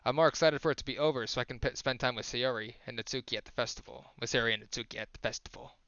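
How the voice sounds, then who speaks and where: A man's voice: mid-range voice, rapid-fire, bright, forceful tone, clear, resonant tone, dry recording, lo-fi sound. Young male streamer reading a game aloud. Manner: casual, self-correcting, rereads lines for emphasis. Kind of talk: reading a visual novel aloud on a live stream.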